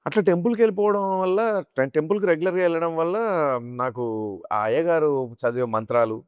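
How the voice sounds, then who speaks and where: A man, a mimicry artist, telling animated stories about his life and slipping into imitated voices. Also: a little high, fast talker, smooth, no room sound. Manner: animated storyteller who slips into chanting and imitated voices. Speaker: mimicry artist, interview guest. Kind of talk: casual interview storytelling.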